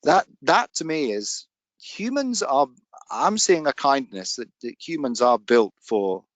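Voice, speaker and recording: A man's voice: mid-range voice, sing-song, unhurried, no room sound. A man speaking as a guest in casual chat, telling stories in an earnest, reflective way.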